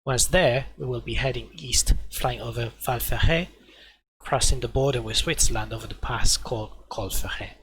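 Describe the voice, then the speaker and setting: A man hosting a flight simulator video, explaining calmly in pilot terms, his volume uneven and his microphone cutting out now and then. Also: medium pitch, moderate pace, slightly rough. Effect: uneven volume, mic cutting out now and then. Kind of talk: narrated flight simulator walkthrough. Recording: loud background hum and noise.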